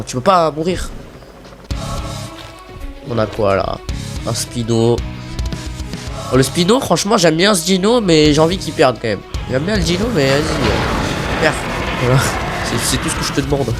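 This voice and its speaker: A man giving casual, excitable commentary on his own gameplay, pleading with the game and swearing casually. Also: fairly high pitch.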